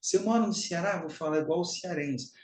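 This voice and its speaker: A man's voice: sits high, fairly quick, roomy sound, rough recording. A Brazilian man giving a spiritual teaching talk, emphatic and repetitive, calling his listeners brothers and sisters.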